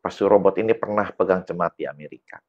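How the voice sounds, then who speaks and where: A man's voice: deep voice, fast talker, muffled recording. A man preaching a sermon at a church service, telling a personal story and often calling out to the congregation. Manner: tells a story, often calls the congregation "saudara". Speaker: pastor.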